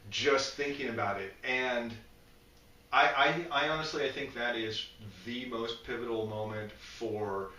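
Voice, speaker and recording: A man's voice: mid-range voice, a little slow, roomy sound, recorded from a distance, poor audio. A man co-hosting a casual fan discussion, talking with feeling, tripping over and repeating his words. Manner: animated, emotional, stumbles and repeats words. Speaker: podcast co-host.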